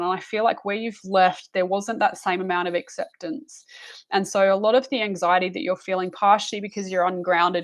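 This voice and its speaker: A woman giving a live psychic reading, soothing and rambling, calling the listener love and honey. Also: on the low side. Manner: rambling with frequent restarts and fillers. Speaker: psychic reader.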